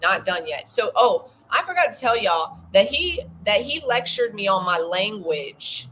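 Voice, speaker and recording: A woman's voice: mid-range voice, big pitch swings, a little slow, a bit bright, a little hiss or hum, low-quality recording. A woman, co-hosting a podcast and telling a story in an indignant, profane way. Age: 40s. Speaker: podcast co-host. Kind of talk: casual chat.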